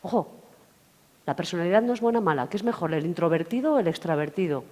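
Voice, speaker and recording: A woman's voice: fairly low pitch, animated, fast talker, mellow. A woman giving a talk, telling stories and acting out the conversations in them. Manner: storytelling, acting out dialogue. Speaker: communication trainer. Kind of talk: lively talk to an audience. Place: conference hall. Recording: reverberant hall.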